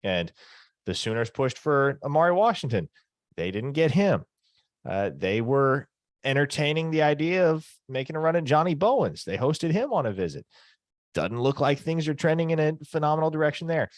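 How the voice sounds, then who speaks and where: A man co-hosting a sports podcast, talking in a clear, articulate way and laying out his points steadily. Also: on the high side, big pitch swings, normal speed, no room sound, clean studio sound. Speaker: co-host, sports analyst. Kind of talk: casual sports podcast analysis.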